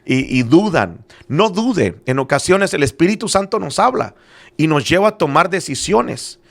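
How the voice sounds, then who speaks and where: Slightly high, gravelly and very animated at a normal speed, this middle-aged man's voice explains faith matters earnestly and conversationally, with many hesitant fillers. He is a church apostle of Spanish-speaking background who lives in Arizona.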